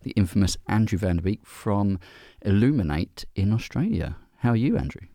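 A man's voice: fairly low pitch, lively intonation, normal speed, warm tone, dry recording. A man hosting a podcast, dry and self-deprecating in casual banter. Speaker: podcast host.

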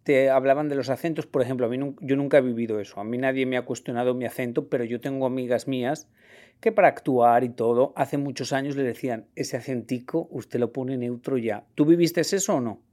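A man's voice: medium pitch, fairly even intonation, quick pace, darkish tone. A man in an easy, mid-range voice hosts a casual interview. He is talkative and friendly. He teases his guest now and then. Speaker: podcast host, interviewer.

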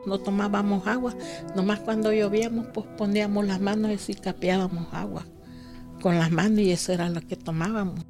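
A woman's voice: mid-range voice, fairly quick, faint music behind. An older woman with a Mexican Spanish accent recounting a past ordeal, acting out the quoted dialogue as she tells it. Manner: lively storyteller who acts out quoted dialogue. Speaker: survivor recounting her story. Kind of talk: recorded testimony.

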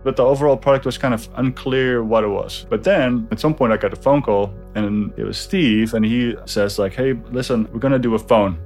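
Soft music plays behind a man being interviewed as a designer, reminiscing about past work in a loose, informal way and often quoting conversations. His mid-range voice is a little mellow, and he speaks a little fast with hardly any pauses.

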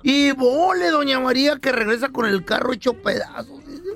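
A man's voice: very high-pitched, moderate pace, creaky, a bit bright. A man with a Mexican Spanish accent, a radio co-host telling jokes in slangy, casual banter. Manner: slangy, joking.

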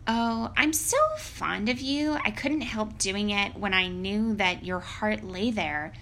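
A woman plays a young storybook princess in a cartoon princess manner. She speaks sweetly and artfully, coaxing with unhurried words. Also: mid-range voice, pushed and bright, slight background noise. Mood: sweetly coy.

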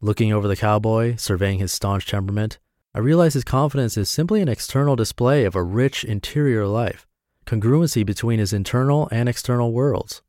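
A man from Montana, reading his reflective essays aloud in a measured, deliberate way. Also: on the low side, a little mellow, dry recording, clean studio sound. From Montana, USA.

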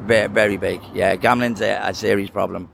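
A man's voice: on the low side, steady tone, a little fast, vocal fry, noisy background. A man with a west of Ireland accent talking candidly in an interview, repeating himself and often adding tag questions. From Galway, west of Ireland. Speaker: street interviewee.

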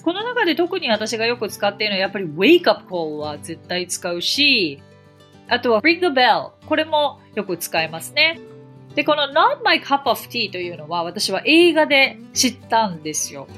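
A woman's voice: medium pitch, a bit bright. A woman from Japan hosting an English-learning podcast, explaining phrases in a chatty, encouraging way with everyday examples. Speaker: English teacher and podcast host.

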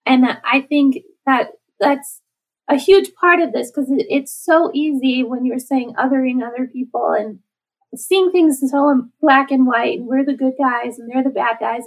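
A woman with a husky, creaky voice, reflecting casually in conversation. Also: high voice, moderate pace, low-quality recording.

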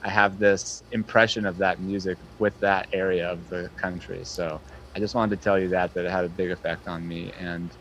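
Lowish-voiced guy interviewing a fellow musician, earnest, lots of ums and restarts. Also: flat delivery, normal speed, a bit bright, muffled recording, a little hiss or hum. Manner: earnest, appreciative, with frequent fillers and restarts. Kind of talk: casual interview chat.

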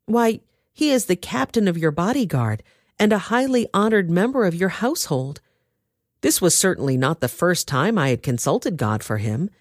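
A woman's voice: fairly low pitch, very animated, normal speed, no echo, studio quality. A woman reading the part of a loyal male priest who pleads his innocence. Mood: pleading.

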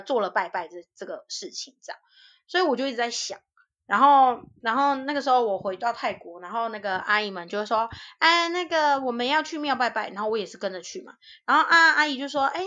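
A young woman chats on a podcast in a bright, forward voice that sits a little high. She tells her stories with energy, acting out what others said and laughing often along the way. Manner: lively storyteller who acts out quotes, laughs often. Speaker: podcast co-host. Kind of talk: casual chat.

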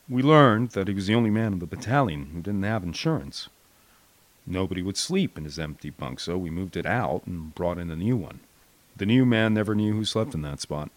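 An American audiobook narrator with a fairly low voice reads a scripted, first-person wartime memoir. He tells it like a storyteller, expressive and dramatic. The recording is dry, with very little room sound.

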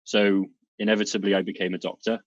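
Deep husky-voiced man, dry and muffled. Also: fast, no echo. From Serbia. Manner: relaxed, rambling with many fillers and restarts. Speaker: guest. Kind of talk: casual conversation.

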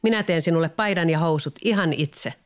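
A man's voice: a little high, smooth, lightly acted. A man voicing a kindly, proud old carpenter, close to his own voice. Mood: fond. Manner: warm, proud.

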